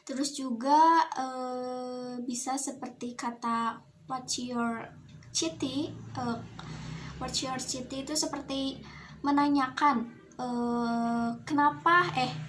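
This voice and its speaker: A young woman casually reviewing an English lesson she studied, talking hesitantly with many fillers and pauses. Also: high-pitched, a bit bright, a little hiss or hum. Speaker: student presenting a review.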